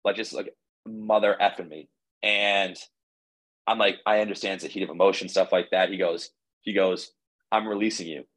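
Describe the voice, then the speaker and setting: A man's voice: sits low, steady tone, moderate pace, a bit bright, poor audio. A man in his twenties, a podcast guest telling his story in a casual, rambling way, full of "like" and restarts. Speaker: podcast guest, baseball pitcher.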